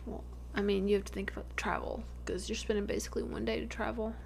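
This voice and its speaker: A woman's voice: mid-range voice, flat delivery, quick pace, gravelly, a little hiss or hum. A young adult woman co-hosting a podcast, chatting casually and playing up her own drama. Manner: chatty, self-mockingly dramatic. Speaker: podcast co-host. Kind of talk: casual chat.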